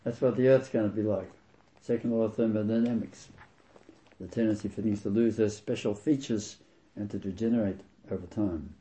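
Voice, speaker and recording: A man preaching a sermon, reading scripture aloud and commenting on it, slowing right down to stress key words. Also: on the low side, fairly even intonation, dark tone. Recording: dull lo-fi recording.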